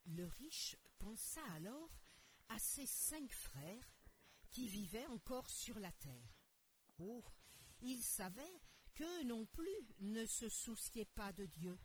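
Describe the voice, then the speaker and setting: Expressive woman narrating a Bible story. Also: fairly high pitch, slow, a little hiss or hum. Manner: expressive storytelling, asks the listener questions.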